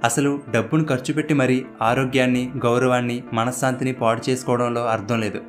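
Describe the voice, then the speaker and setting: A man narrates a scripted voice-over in a plain, advisory tone at a middling pitch. Soft guitar music plays faintly beneath his voice. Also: fairly even intonation, fairly quick.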